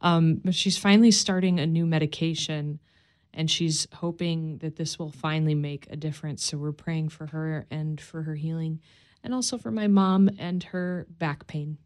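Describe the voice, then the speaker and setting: A woman's voice: sits low, steady tone, normal speed, darkish tone. A woman co-hosting a radio show, casually sharing prayer requests on air. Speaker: radio show co-host and social media producer.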